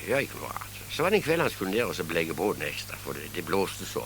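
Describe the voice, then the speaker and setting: Chuckling older Southern Norwegian storyteller. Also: male voice, deep voice, sing-song, fairly bright tone, a little hiss or hum. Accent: Southern Norwegian, Kristiansand area. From Southern Norway. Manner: chuckles at his own jokes, halting restarts. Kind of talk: humorous anecdote telling.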